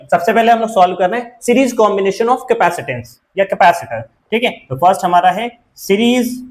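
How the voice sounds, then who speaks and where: Man, high voice, physics teacher, repetitive classroom lecture, checks understanding often. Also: rough recording. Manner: repeats questions, keeps asking "clear?" to students.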